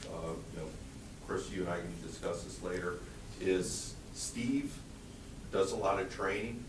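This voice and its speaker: A man talking informally and haltingly in a meeting, some way from the microphone. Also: low voice. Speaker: meeting participant. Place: indoor council meeting room. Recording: distant mic in echoey noisy room.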